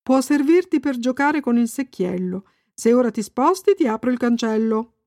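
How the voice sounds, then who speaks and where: A woman voicing an elderly man in a story, gruff at first and then kind. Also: a little high, expressive, moderate pace, no room sound, studio quality. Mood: kindly. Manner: shouting then kindly. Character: gruff old man, quick to apologize.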